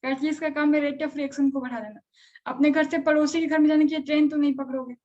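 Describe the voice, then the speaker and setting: A high-voiced woman teaches a chemistry lesson and keeps stopping to ask her students whether anything is unclear. The sound is dull and lo-fi. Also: fairly even intonation, quick pace, a little mellow. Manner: conversational, checks on students often. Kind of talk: live online class lecture.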